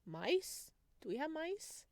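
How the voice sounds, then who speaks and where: In clean, dry studio sound, a woman with a high-pitched, slightly mellow voice speaks slowly but very animatedly. She's a game streamer reading visual novel narration aloud in a let's play, reacting to the story with chatty, casual asides.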